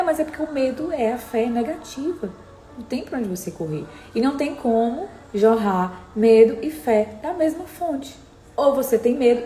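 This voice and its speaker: A woman's voice: fairly high pitch, warm tone. A woman preaching a morning devotional, emphatic and repeating her exhortations to the listener, recorded in an echoey room. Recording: echoey room, faint background noise.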